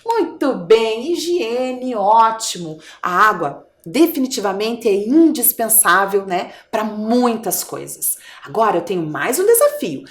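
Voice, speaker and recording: A Brazilian woman teaching a video lesson to small children, her voice lively and swooping as she coaxes them with questions. Her pitch sits somewhat high, and the recording has an echoey, roomy sound. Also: a little slow, hardly any pauses. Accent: Brazilian Portuguese. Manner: animated, coaxing, asks children questions. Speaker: primary school teacher.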